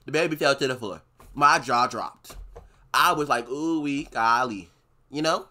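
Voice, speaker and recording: A young man playing a flabbergasted folksy gossip for a comic reaction video, halting and scandalised. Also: mid-range voice, bright, forceful tone, pitched below the performer's own voice. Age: young adult.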